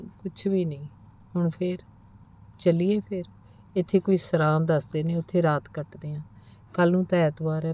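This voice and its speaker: Low, mellow woman reading a story. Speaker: audiobook narrator. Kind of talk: narrated short story reading.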